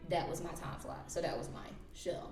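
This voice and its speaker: A young woman in her twenties from Tennessee, chatting casually as a podcast guest, animated and slangy as she tells stories. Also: deep voice, normal speed, creaky. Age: 20s. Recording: roomy, distant mic.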